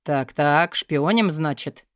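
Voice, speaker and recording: A woman voicing a domineering, mocking male boss in an audiobook, speaking low and menacing. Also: slow pace, no room sound, clean studio sound.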